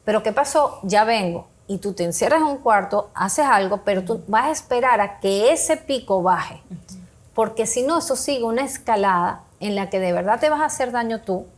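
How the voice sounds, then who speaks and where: A woman with a slightly high voice explains how to manage emotions on a talk show. She walks through practical tips with examples and sometimes voices little snippets of what people say to themselves. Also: expressive, moderate pace. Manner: explains with examples, acts out quoted self-talk. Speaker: guest speaker on emotional health.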